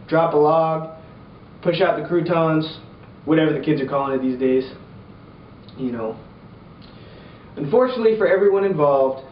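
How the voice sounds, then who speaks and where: A man with an upbeat, slangy, jokey youth pastor manner, casually telling Bible stories for laughs. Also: fairly high pitch. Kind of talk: casual comedic Bible storytelling to camera. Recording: roomy, distant, muffled, faint background noise.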